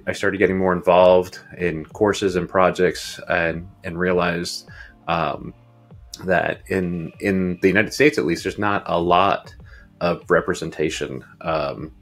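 Speaking from a home office over a video call on earbuds, this guest futurist from Uruguay, a man in his fifties, answers casual interview questions at length. He rambles, stumbling through many fillers, ums and restarts, in a low-pitched, slightly bright voice.

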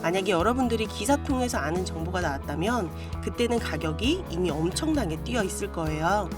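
A woman's voice: animated, a little fast. A woman hosting a video, reading a scripted promotional narration in an earnest, persuasive way, addressing viewers directly. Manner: earnest, persuasive sales pitch. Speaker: video host promoting crypto investments. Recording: voice over prominent background music. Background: music.

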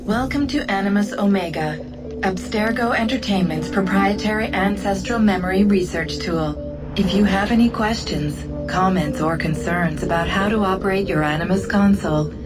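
A woman voicing a calm, formal computer system. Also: mid-range voice, moderate pace, loud music behind the voice, lightly acted. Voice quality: even, clipped, formal. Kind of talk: automated announcement.

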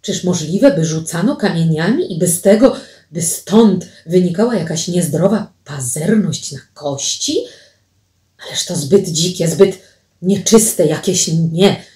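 A prim, appalled young man pleads and protests in a slow, low, mellow voice, as a woman reads him. The voice rings out in a roomy space, caught from some distance. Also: lively intonation. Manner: indignant, pleading outbursts. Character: young man, earnest, shocked and squeamish.

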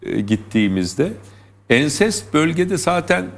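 A man hosting a television talk show, asking probing questions and reasoning aloud with pauses. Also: a little high, very animated. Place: television studio.

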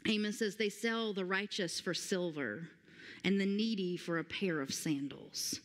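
A woman pastor preaches a sermon, reading scripture with earnest, slowed emphasis. Her mid-pitched voice carries a long reverb from the large sanctuary around her. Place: large church sanctuary stage.

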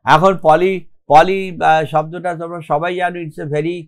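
A man with a high-pitched voice and a Bengali accent teaches grammar online. He explains patiently one step at a time, slips English terms into his speech and keeps asking "okay?" to check his students follow. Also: steady tone, normal speed.

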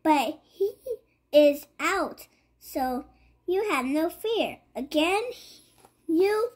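In this clip, a child reader works through a picture book aloud, very slow and high-voiced, the pitch bouncing around lively.

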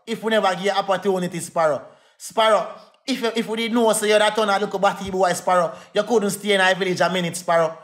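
Here a man with a high, steady, fairly bright voice and a Jamaican Patois accent goes off on a phone livestream. It's a fast, angry rant full of insults he repeats over and over.

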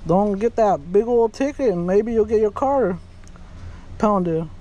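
A man's voice: high-pitched, lively intonation, measured pace, warm tone, highs cut off. A man in his thirties vlogging while driving and fishing from a pier, rambling and chatty as he talks to his viewers. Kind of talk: casual vlog narration. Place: outdoors, driving then on a waterfront pier. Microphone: action camera. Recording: action camera audio with clear outdoor noise.

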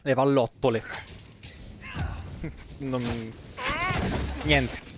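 In this webcam stream from an indoor room, a man provides casual live game commentary full of exclamations and swearing. His voice is medium in pitch with fairly even intonation, and he draws out his words. Background noise mixes with game effects and ambience behind him.

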